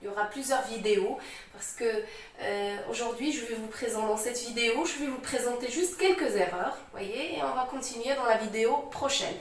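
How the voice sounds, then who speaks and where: A woman's voice: fairly high pitch, moderate pace, slight background noise. A woman from Morocco with a Moroccan accent teaches a French grammar lesson patiently and repeats herself often to check that students follow. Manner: patient, repetitive, keeps checking understanding. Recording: very echoey room, voice far from mic.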